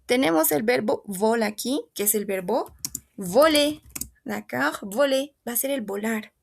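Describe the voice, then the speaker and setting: Slow, gravelly-voiced woman teaching French. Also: on the high side, animated, a little mellow. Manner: patient, repeats and models each word slowly. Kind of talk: language lesson.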